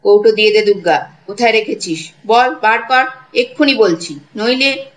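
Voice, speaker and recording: A woman's voice: fairly high pitch, lively intonation, normal speed, fairly bright tone, poor audio. A woman voicing a harsh, bullying older village woman who scolds and threatens a girl in a storybook reading. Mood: furious.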